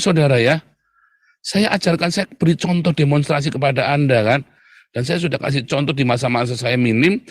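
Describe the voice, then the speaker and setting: A man's voice: mid-range voice, no room sound. Male preacher, everyday conversational sermon, mid-range voice, recorded dry. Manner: conversational, repeatedly addressing listeners as brothers and sisters.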